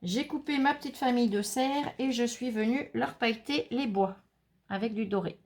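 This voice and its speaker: A woman's voice: a little high, moderate pace. A woman hosting a casual crafting tutorial, chatting to viewers with many fillers and asides while she works. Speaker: craft channel host.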